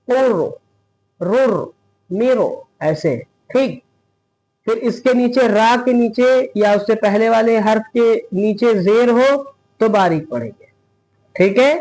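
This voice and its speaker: A man teaching a Quran reading lesson, spelling out each syllable slowly and asking his students questions as he goes. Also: high-pitched, a little mellow, low-quality recording. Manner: patient, repeats each syllable and asks the class questions.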